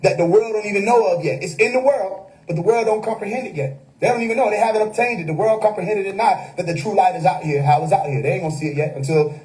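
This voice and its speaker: A man's voice: sits high, fast, darkish tone, low-quality recording. A man, hosting a casual livestream monologue that preaches hidden meanings with wordplay and frequent laughter. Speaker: livestream host. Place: home.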